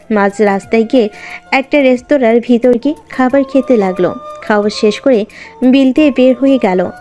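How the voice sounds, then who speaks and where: A woman narrating a romantic audio drama story in a steady storytelling voice. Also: a little high.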